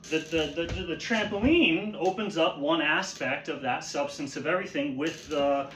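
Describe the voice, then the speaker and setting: A man giving an informal instructional explanation as a martial arts teacher, halting and repeating his phrases as he goes, often checking in with a questioning tag. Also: on the high side, a bit bright, slight background noise. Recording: roomy, echoey sound.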